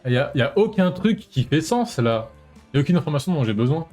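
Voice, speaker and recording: A young man giving casual, animated commentary while streaming a game, often exclaiming and talking to himself. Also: fairly high pitch, brisk, faint music behind.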